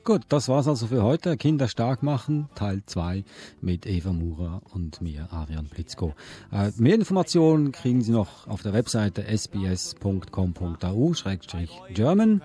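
Husky low-voiced radio host. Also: male voice, moderate pace. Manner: relaxed, chatty, asks questions. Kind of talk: radio chat and sign-off.

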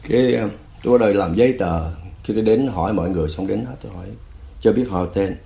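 An older man, recounting a personal story in a measured, often quiet and subdued way. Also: on the low side, gravelly.

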